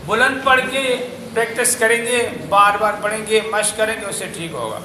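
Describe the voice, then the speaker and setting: A man with a Pakistani Urdu accent teaching Quran recitation in a madrasa class, drilling single syllables and chanting verses slowly. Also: high voice, steady tone, bright, forceful tone, roomy sound, slight background noise, rough recording. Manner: corrects pronunciation by repeating syllables, then chants verses slowly.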